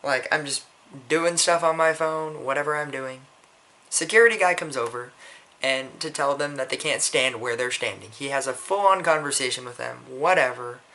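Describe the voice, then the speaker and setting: A man tells a personal anecdote straight to camera in an unscripted vlog. His voice is bright and forceful, sitting at an ordinary middle pitch for a man. He rambles, restarts sentences often and drops blunt, profane asides. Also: normal speed. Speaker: vlogger. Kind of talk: casual storytelling.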